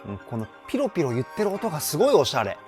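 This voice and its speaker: A man working as a vocal trainer, explaining singing technique in an enthusiastic, animated way. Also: on the high side, racing, soft background music. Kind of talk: reaction and vocal analysis commentary.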